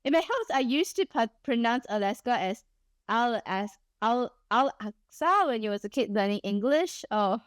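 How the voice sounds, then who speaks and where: A woman's voice: a little high, normal speed, no echo. A young woman from Singapore with a Singaporean accent, chatting casually and animatedly while streaming a game. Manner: animated and chatty, frequent laughs and exclamations. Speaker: VTuber streamer. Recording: dry close mic, soft music behind.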